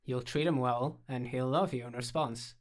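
A man's voice: mid-range voice, steady tone, normal speed, lightly acted. Brief: teasing, theatrical young man, coaxing and playful, read by a man. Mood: earnest.

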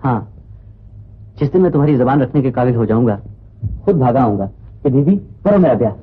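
Idealistic young man; husky, animated, tinny vintage track. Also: mid-range voice, fairly quick. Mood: earnest. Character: earnest idealistic young man, gentle teacher. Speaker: teacher and younger brother. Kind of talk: 1950s film acting. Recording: tinny old film soundtrack.

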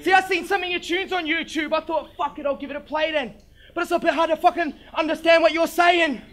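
An Australian man raps a battle verse in a notably high voice. His tone is bright and sharp, and he taunts his opponent with a cocky, mocking swagger, shouting out the punchlines. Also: steady tone, brisk. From Darwin, Australia. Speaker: battle rapper. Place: live battle venue.

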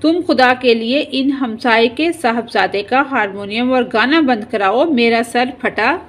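A woman's voice: on the high side, unhurried. A woman reading the part of an irritable, sick middle-aged husband who groans and complains.

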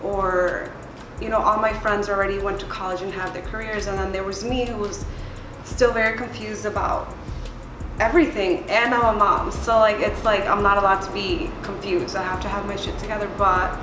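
Her mid-range voice has little pitch movement and a moderate pace. She's a music video creator in her late twenties who left El Salvador for Chicago at six, now giving a casual, reflective interview in which she speaks frankly and often uses "like" and "you know." The setting is a small, bright indoor room lined with windows, recorded with a roomy echo over background music.

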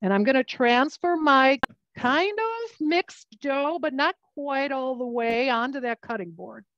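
A woman's voice: sits high, lively intonation, a little slow, a bit bright, no room sound, muffled recording. Chatty woman teaching a cooking class. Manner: chatty, explains while working with her hands. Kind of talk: live cooking demonstration.

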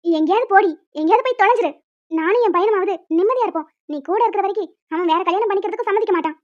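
A woman voicing a harsh older mother-in-law in a cartoon, shrill and cutting as she scolds and insults. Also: rapid-fire, darkish tone, highs cut off. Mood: scolding.

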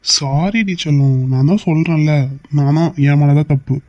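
Rocky, a woman doing a low-voiced coaxing young husband. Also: fairly even intonation, brisk, dark tone, no room sound, close to an everyday voice. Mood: pleading. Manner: coaxing, apologetic, playful. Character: young husband, pleading and teasing. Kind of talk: cartoon skit voice acting.

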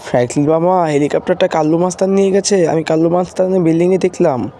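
Shinchan, an excitable little boy, as a man puts him on, calling out loudly over and over in a game roleplay. The voice sits high but sounds mellow and warm. Faint noise hums behind him. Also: fast talker, lightly acted. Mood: insistent. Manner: calls out loudly and repeatedly.

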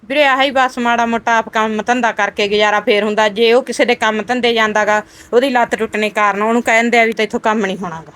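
High, fast-talking pleading woman. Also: steady tone, a bit bright. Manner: earnest, pleading, plain-spoken. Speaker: family member appealing for help. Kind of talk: casual talk to a visitor.

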